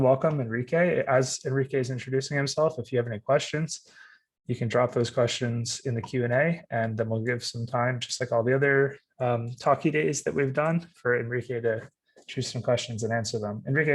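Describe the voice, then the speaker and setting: Husky-voiced man hosting an online class. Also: medium pitch, fairly quick. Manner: easygoing, with fillers. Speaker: bootcamp host.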